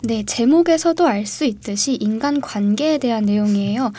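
A woman's voice: fairly high pitch, moderate pace, dark tone. A young woman, a radio producer guesting as co-presenter, speaking politely and a little nervously.

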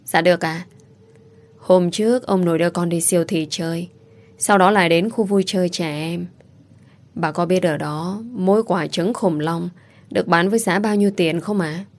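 A woman's voice: fairly low pitch, moderate pace, a little mellow, lightly acted. A woman voicing a sweet, clever little boy who talks in eager, childlike questions.

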